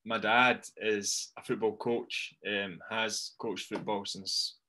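A young man with a Fife accent from Scotland talks casually in an interview. His voice sits a little low and has a bright, forward edge. He comes across as good-humoured and modest about himself. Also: fairly even intonation, slow pace. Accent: Fife Scottish. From Dunfermline, Fife, Scotland. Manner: informal, self-deprecating, good-humoured. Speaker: professional wrestler, interview guest.

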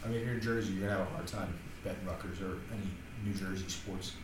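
A young man co-hosts a podcast, talking loosely about sports in a low, fast voice with fairly even intonation. He swears a lot and keeps restarting his sentences. The recording is noisy and echoey, captured from far off in a room.

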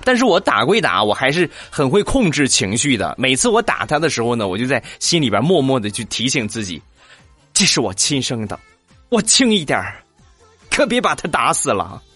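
A man's voice: mid-range voice, big pitch swings, fairly quick, bright, forceful tone, slightly rough, no room sound, soft background music, heavily acted. A man voicing a blunt, stern young mother in a raised, emphatic voice.

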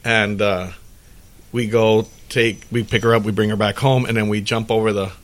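A man's voice: lowish voice, moderate pace. A man hosting a podcast, telling a rambling story in casual chat and acting out the dialogue. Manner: rambling, animated storyteller who acts out dialogue. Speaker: podcast host.

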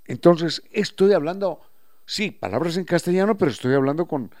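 A man with an Ecuadorian highland accent giving a reflective radio talk, explaining things with examples and acting out local turns of phrase. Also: animated, moderate pace, a little mellow. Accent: Ecuadorian highland Spanish.

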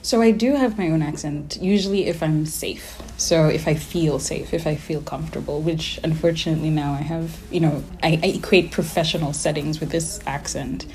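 A woman's voice: low voice, moderate pace, few pauses, a little mellow, a little hiss or hum. A woman in her thirties from Kenya with an American-sounding accent and a slight Kenyan trace, speaking reflectively and casually in an interview. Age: 30s.

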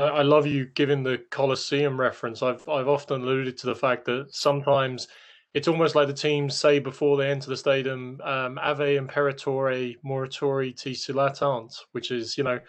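A man's voice: medium pitch, level tone, normal speed. Wordy, playful male sports host. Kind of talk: casual sports interview.

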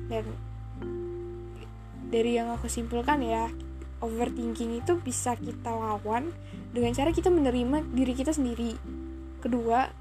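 A woman giving casual, chatty advice in a monologue and often adding tag fillers. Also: high voice. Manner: chatty, peppers talk with "gitu loh".

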